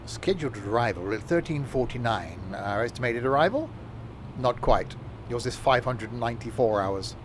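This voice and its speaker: Medium in pitch, with lively intonation at a normal speed, a man streams a train sim against background noise. He rambles casually through the gameplay, often mocking himself.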